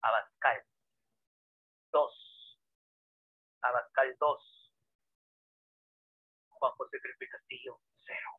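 A man, a history teacher giving a lively lecture full of dramatic storytelling and rhetorical questions, heard over a tinny phone-like line. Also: mid-range voice, takes it slowly, pauses often, no echo. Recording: dry, tinny phone-like sound.

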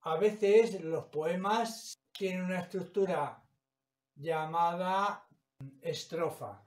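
Slow, patient teacher with a high voice. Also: male voice, a little mellow. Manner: slow, patient, broken into short phrases. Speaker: primary school teacher. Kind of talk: explaining a lesson. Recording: echoey room, mic far off.

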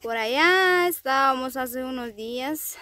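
On a noisy phone recording made outside in a rural hillside yard, a woman with a Guatemalan Spanish accent vlogs and asks casual questions from behind the handheld camera. Her high voice sounds pushed and bright, a little slow, with no room sound.

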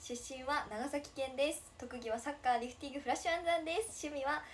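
A giggly, bubbly woman in her twenties, an idol livestreamer from Nagasaki, Japan, reads viewer comments and chats casually in Nagasaki dialect. She speaks quickly in a high voice, and there's a little hiss or hum.

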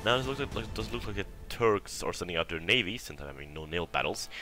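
Over background music, a young man from Italy talks fast and animatedly in a low voice while playing a strategy game. His casual, rambling let's-play commentary is full of laughter and remarks aimed at the enemy. Years in Sweden have left his Italian accent faint.

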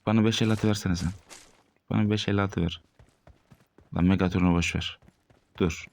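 A man in his twenties from Turkey commentating live while playing a shooter game, excitable and quick to burst out loud at enemies. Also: low-pitched. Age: 20s. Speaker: gaming streamer. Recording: game gunfire behind the voice.

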